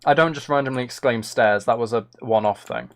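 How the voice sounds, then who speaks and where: A young man with a medium-pitched voice talks a little fast into a close mic while streaming a game. It's casual live-stream chat, rambling and self-deprecating.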